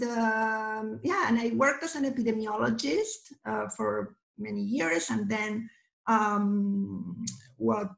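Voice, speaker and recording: A mosaic artist in her fifties, a native Spanish speaker with an Argentine accent, speaks informally as an interview guest, measured and halting as she searches for words. Her voice is a little high and gravelly. She's in a small indoor studio room, heard through a computer mic on a video call with roomy sound.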